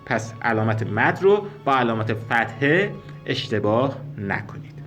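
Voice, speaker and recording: A man teaching a spoken language lesson, explaining slowly and repeating sounds and example words. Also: medium pitch, very animated, over music. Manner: slow, careful explanations, repeating and spelling out sounds.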